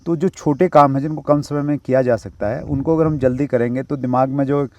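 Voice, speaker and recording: A man's voice: mid-range voice, a little fast, mellow, no echo, muffled recording. A man hosting an interview, attentive and polite, often affirming and calling the guest sir. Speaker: host. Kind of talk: interview host.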